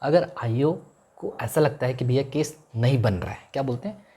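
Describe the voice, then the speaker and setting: Male law teacher, mellow and husky, repeats every key term as a question. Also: mid-range voice, animated. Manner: repeats key terms as call-and-response questions; mixes in English legal phrases, drawn out slowly. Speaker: law lecturer. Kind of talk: classroom lecture.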